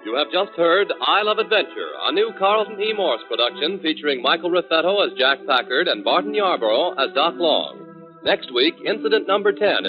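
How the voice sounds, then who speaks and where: A man speaking as the program's announcer in formal, measured 1940s radio style, heard from an old broadcast transcription disc. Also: fairly high pitch. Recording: tinny old broadcast disc with organ music.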